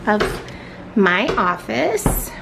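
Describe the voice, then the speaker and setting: A woman's voice: medium pitch, sing-song, very slow, gravelly, noisy background. A middle-aged woman chatting casually through a tour of her home office, filming on a handheld camera with lots of ums. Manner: chatty, filler-heavy, fond of her things. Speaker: home vlogger.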